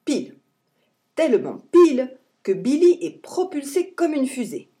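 A woman narrating a children's story in a calm, expressive way. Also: high-pitched, measured pace.

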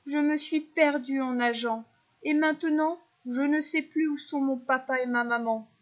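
A woman's voice: high-pitched, fairly even intonation, a little slow, lo-fi sound, voice pushed up. A woman voicing a young lost whale girl who is tearful and plaintive in a storybook reading.

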